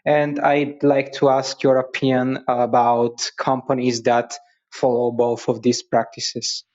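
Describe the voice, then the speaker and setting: Guy calling in, slow and flat, kinda hesitant, muffled lo-fi recording. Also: medium pitch. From Bulgaria. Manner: careful, hesitant, with fillers. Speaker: caller. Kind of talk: recorded voicemail question. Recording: dull lo-fi call recording.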